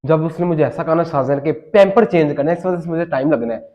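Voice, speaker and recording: Man, high voice, rambling comic storyteller who acts out both sides of the dialogue. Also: fast talker, muffled recording. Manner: rambling, repeats phrases and fillers, acts out dialogue.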